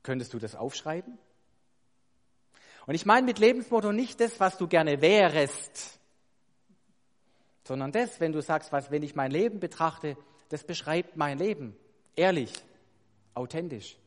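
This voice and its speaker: A man preaching a sermon, emphatic and building to loud stressed points, putting rhetorical questions to his congregation. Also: a little high, expressive, unhurried, long pauses. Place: church hall. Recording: long hall reverb.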